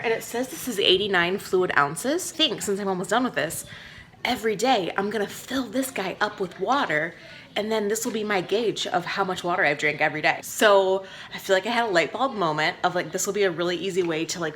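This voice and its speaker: A woman's voice: lowish voice, a bit bright, slight background noise. A woman vlogger talking in a casual video diary style, chatty, candid and a little self-deprecating.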